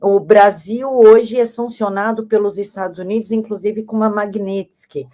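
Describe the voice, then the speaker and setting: A woman's voice: medium pitch, fairly even intonation, moderate pace, dark tone. A woman interviewer asking long, emphatic, opinionated questions.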